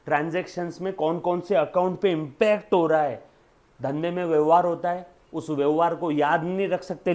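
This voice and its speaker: A man with an Indian accent teaching accounting in a casual lecture, mixing in English terms, reading definitions slowly and often asking "yes or no?". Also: high voice. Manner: coaxing, asks "yes or no?" often; mixes Hindi with English terms. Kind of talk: online classroom lecture.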